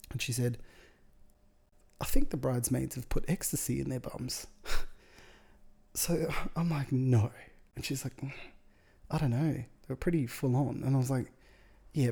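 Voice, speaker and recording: A man's voice: medium pitch, creaky, warm tone. A man casually telling a rambling story, with lots of quoted dialogue and amused asides. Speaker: podcast host, wedding photographer.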